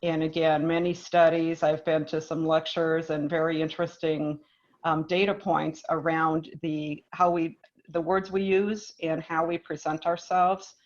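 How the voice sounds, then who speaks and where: A woman from Minnesota, a business leader speaking on a panel in a measured, thoughtful way with frequent restarts. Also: low-pitched, flat delivery, muffled recording. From Minnesota, United States. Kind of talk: panel discussion.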